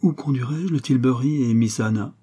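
A man's voice: medium pitch, moderate pace, dark tone, slightly rough, natural voice. Man reading as a flustered, fawning groom. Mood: flustered, pleading. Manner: humble and flustered. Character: anxious, fawning male servant groom. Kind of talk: audiobook character reading.

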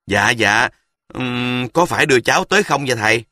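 A man's voice: medium pitch, animated, moderate pace, pushed and bright, no echo, studio quality. A man voicing a humble, anxious rural mother who speaks deferentially.

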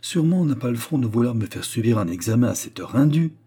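A man's voice: medium pitch, lively intonation, quick pace, mellow, slightly rough. A man voicing a grumbling, sulky schoolgirl.

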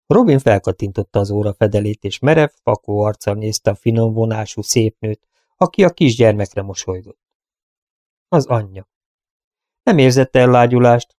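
A man narrates an audiobook in an even, measured storytelling style. His pitch is fairly low, and the studio-quality recording has no echo.

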